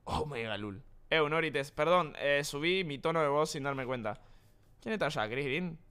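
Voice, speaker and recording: A man's voice: on the high side, animated, normal speed, a bit bright, smooth. A young man with an Argentine accent chatting live while gaming, full of crude banter, slang and swearing. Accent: Argentine Spanish. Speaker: streamer. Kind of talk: live gaming stream chat.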